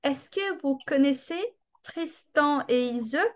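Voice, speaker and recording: A woman leads an online French lesson, taking her time over each example. Her voice sits high and she speaks slowly and patiently. The sound is a little muffled, like a video-call mic. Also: expressive. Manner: slow, patient explaining with drawn-out examples. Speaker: French teacher.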